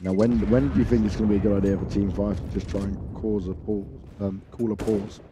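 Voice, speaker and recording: A man's voice: on the low side, steady tone, quick pace. A man giving live play-by-play commentary on an esports match. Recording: faint noise, clicks and game gunfire.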